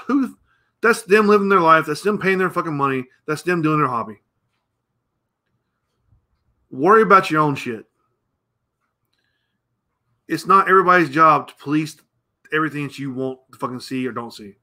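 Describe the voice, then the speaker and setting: A middle-aged man from the United States rants on his own show, blunt and crude, piling up curses as he rambles. His voice is bright and forceful, sitting a little high for a man. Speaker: podcast host. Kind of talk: opinionated rant.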